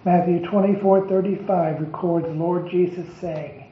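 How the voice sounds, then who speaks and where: A man's voice: sits high, steady tone, slight background noise. A man delivering a devotional sermon, stressing his words and stacking up lists of phrases with emphasis. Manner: emphatic, deliberate listing of phrases. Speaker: preacher. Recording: echoey, dull lo-fi recording.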